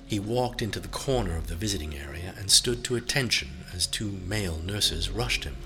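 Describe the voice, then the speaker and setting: A male audiobook narrator with a low voice and a bright, forceful edge, reading in an even and measured way. A faint plucked guitar plays softly beneath him. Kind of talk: scripted narration.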